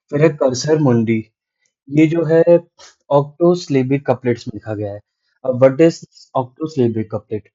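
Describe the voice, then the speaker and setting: A male literature teacher lectures in mixed Hindi and English, explaining step by step and often checking with the class. His voice is dark and mellow, and the recording sounds dull and lo-fi. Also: on the high side. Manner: explains patiently, checking in with 'right?'.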